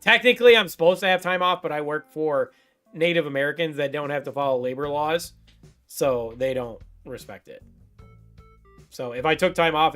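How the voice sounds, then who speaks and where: A man with a fairly high voice chats loosely with his stream audience, wandering from thought to thought and breaking into laughter. Soft music plays faintly behind him. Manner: rambling, laughs often, talks straight to chat. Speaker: game streamer. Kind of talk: casual livestream chat.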